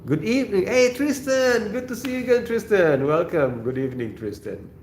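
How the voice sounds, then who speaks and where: A man's voice: high voice, expressive, normal speed, darkish tone, echoey room, a little hiss or hum. A man from Indonesia hosting a casual livestream, reading viewer comments in a laid-back way and laughing often. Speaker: livestream host.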